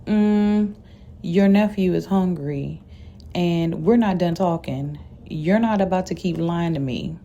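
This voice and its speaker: A woman voicing a brash, outspoken woman in a spoken story, blunt and profane. Her voice is low, dark and gravelly. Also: slow, lo-fi sound. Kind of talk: storytelling read-aloud.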